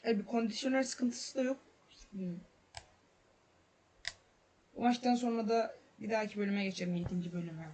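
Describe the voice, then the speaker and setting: A man's voice: sits high, normal speed, long pauses, darkish tone. A man hosting a gaming channel, commenting on his football game as he plays, frustrated, swearing and repeating himself. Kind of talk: let's play commentary.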